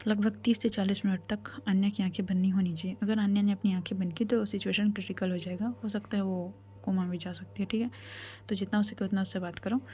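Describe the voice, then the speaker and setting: A composed woman doctor explains things with steady firmness, read by a woman storyteller in her own voice. The voice is mellow and sits at a middle pitch. She sounds reassuring and clear. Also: fast talker, a little hiss or hum, lightly acted. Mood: serious. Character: caring woman doctor, calm, firm.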